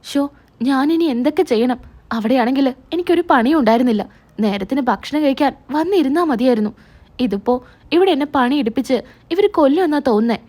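A woman's voice: high voice, lively intonation, brisk, darkish tone. A woman voicing a spoiled, scheming middle-aged woman who complains bitterly and vows revenge. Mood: whiny. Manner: whiny, bitter.

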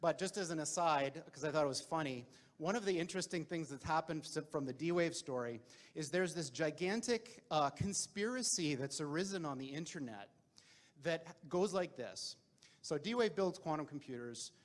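A man's voice: fairly high pitch, animated, normal speed. A man in his forties presenting informally at a tech event, wry and conversational, speaking into a handheld microphone. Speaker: tech founder giving a presentation. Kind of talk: informal conference talk. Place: indoor presentation room.

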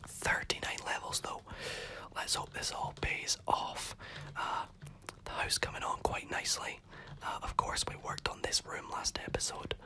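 At a slightly slow pace, this gaming host keeps up gentle whispered chatter about the game, revising what he says mid-stream. He is losing his voice and coughs from time to time.

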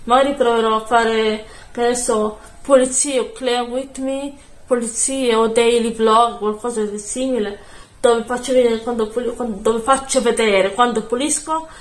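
A woman chatting casually into her phone camera at home, soft-spoken and rambling, often correcting herself. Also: fairly high pitch, fairly even intonation, moderate pace, echoey room. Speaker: beauty vlogger. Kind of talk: casual vlog chat.

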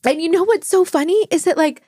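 A young woman co-hosting a podcast in casual chat, animated and chatty, filling with "like" and swearing casually. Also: extremely high pitch, a little fast, dry recording, clean studio sound. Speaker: podcast co-host.

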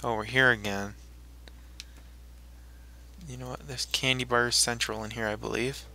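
Rambling and talking to himself as he plays, a man gives casual let's play commentary for his gaming video. He speaks at an unhurried pace with a medium pitch, fairly even intonation, and vocal fry, in a pushed, bright voice.

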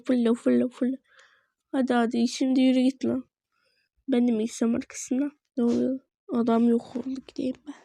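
Young woman gamer, high and warm voice, chatty and quick to get annoyed, narrating her screen to viewers. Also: no echo, clean studio sound. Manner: chatty, easily frustrated, talks to viewers. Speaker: gaming video creator. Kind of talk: casual gameplay commentary.

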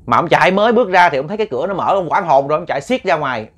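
A man's voice: a little high, lively intonation, rapid-fire, fairly bright tone, slightly rough. A man telling a ghost story, chatting to listeners and often repeating words. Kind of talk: storytelling to an audience.

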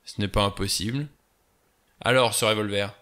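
A man's voice: lowish voice, steady tone, moderate pace, a bit bright, close to an everyday voice. A man voicing a blunt, suspicious ex-cop. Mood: insistent. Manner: pushy, insistent questioning.

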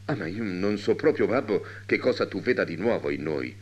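Man voicing a dejected adult son in a storybook, hushed and soothing. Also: on the low side, lively intonation, fairly quick, highs cut off. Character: worn-out troubled adult son.

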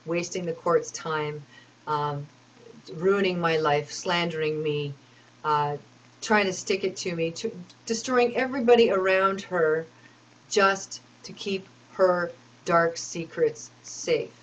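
Aggrieved woman with a lowish voice. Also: takes it slowly, slight background noise, low-quality recording. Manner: aggrieved, talks in long run-on complaints with many fillers. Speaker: personal storyteller. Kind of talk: rambling personal account.

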